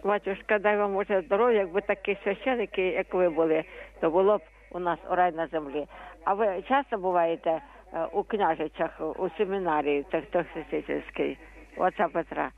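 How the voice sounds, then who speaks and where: A man's voice: high-pitched, fairly quick. A man calling into a radio show, speaking effusively and full of praise. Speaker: caller. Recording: tinny phone line.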